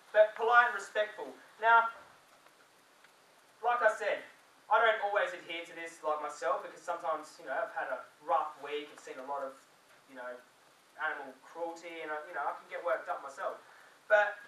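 A man delivers an informal talk to an audience in a room that echoes, his voice reaching the mic from a distance. He speaks with a bright, forceful edge, somewhat high for a man. He keeps it conversational, tossing in "you know" and checking in with "okay?". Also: slight background noise.

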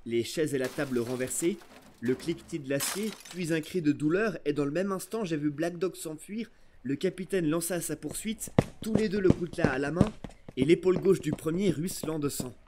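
A man narrating an adventure novel aloud in an expressive, storytelling way. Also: fairly high pitch, moderate pace, background noise. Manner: expressive storytelling, first-person voice of a boy. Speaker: audiobook narrator. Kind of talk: scripted narration.

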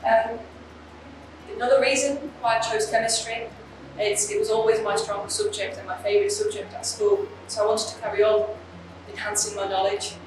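Her tone level and her pitch medium, a young Czech chemistry PhD student explains her research from a script to camera, measured and sincere, with an um here and there. Background noise, music, and the echo of the indoor lab come through the distant camera mic.

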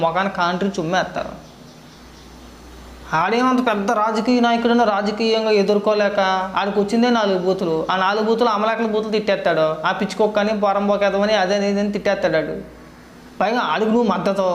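A man giving heated political commentary, scolding his target with rapid rhetorical questions. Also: high voice, echoey room.

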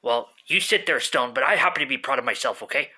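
A man's voice: mid-range voice, expressive, fast talker, bright, forceful tone, breathy edge, pitched below the performer's own voice, exaggerated voice. A man arguing with himself in a comic skit, playing a proud, easily hurt and defiant guy who repeats himself indignantly. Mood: hurt pride. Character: proud, hurt, defiant novice phone video maker. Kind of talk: comic self-argument skit. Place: small room indoors. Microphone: phone at arm's length.

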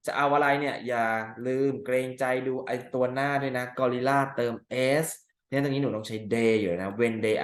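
A male teacher walking through exam answers step by step, asking rhetorical questions and reading example sentences slowly. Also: mid-range voice, echoey room. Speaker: English teacher. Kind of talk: exam answer walkthrough lesson.

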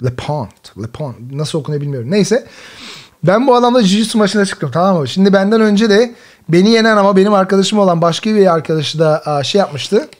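Male host, 30s, high voice, casual storytelling with laughs and slang. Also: fast talker. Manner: animated, laughs often, uses slangy exclamations. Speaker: host and jiu-jitsu athlete. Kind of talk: casual reaction commentary and storytelling.

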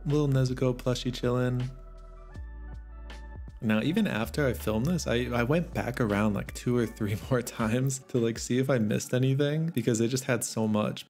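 Over soft background music, a manga vlogger casually walks through the books he picked up. His voice is medium-pitched and a little worn, his pace moderate, and his manner chatty and enthusiastic with gentle laughter.

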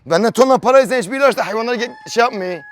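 A man filming a casual farm vlog, barking short sharp commands at a dog and grumbling bluntly between them, outdoors on a farm. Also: very high voice, racing, a little hiss or hum. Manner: blunt, grumbling colloquial talk. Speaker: dog trainer and farm vlogger.

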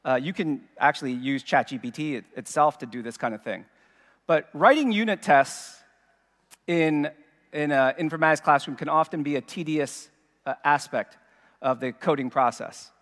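A man in his forties gives a keynote on a large stage, his voice a little higher than most men's. He explains in an easy, conversational way through a headset mic, and a long reverb trails from the hall. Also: normal speed, fairly bright tone. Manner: explanatory, conversational, addresses audience directly. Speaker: keynote speaker. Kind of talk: conference keynote talk.

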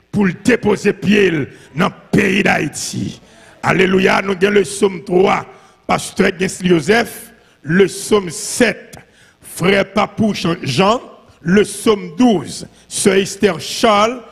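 A man with a Haitian accent leading a prayer service, shouting repeated calls to the congregation. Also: high-pitched, creaky, slightly rough, long reverb tail. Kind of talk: call-and-response worship leading.

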